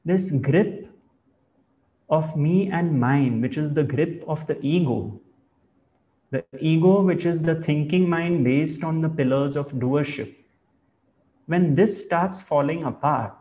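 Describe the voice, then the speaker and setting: A man giving a reflective spiritual talk as a teacher, speaking in a measured, thoughtful way. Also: fairly high pitch, warm tone.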